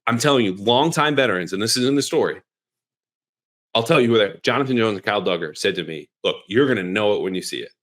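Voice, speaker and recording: Energetic male sports podcast host. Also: lowish voice. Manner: energetic, conversational, lively emphasis. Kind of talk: casual sports chat.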